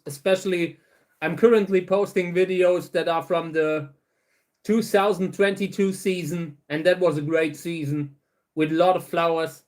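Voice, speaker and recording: On his own livestream channel, a man answers viewers in a loose, rambling way, often starting words over at an unhurried pace. He comes from Germany, speaks German natively, and has a fairly high voice for a man.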